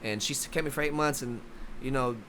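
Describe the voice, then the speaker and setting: A man's voice: mid-range voice, a little fast, sharp tone, slight background noise. A young man from Philadelphia, a boxing coach guest in a casual podcast interview, rambling with many restarts.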